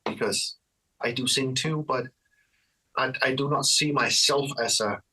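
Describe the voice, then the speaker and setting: A man's voice: mid-range voice, unhurried, recorded from a distance, slight background noise, low-quality recording. A man with a Danish accent, a guitarist chatting casually in an interview, loose and rambling with lots of restarts. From Denmark. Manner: relaxed, rambling, frequent restarts and fillers. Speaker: guitarist guest.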